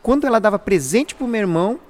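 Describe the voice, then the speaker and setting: A man with a Brazilian Portuguese accent, a magician being interviewed, talking in a chatty, animated way and laughing often. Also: high-pitched, fast talker. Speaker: magician guest. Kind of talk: casual interview chat.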